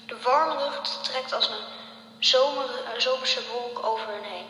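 A woman's voice: fairly high pitch, a little slow, bright, forceful tone, faint music behind. A woman reading a story aloud with care, sometimes stumbling over a word and correcting herself. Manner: careful reading with small slips. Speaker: reader. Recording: echoey hall, faint hum.

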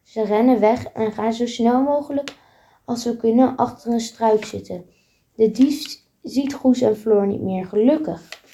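A woman's voice: fairly high pitch, unhurried, mellow. A woman reading aloud a simple story with careful, plain delivery.

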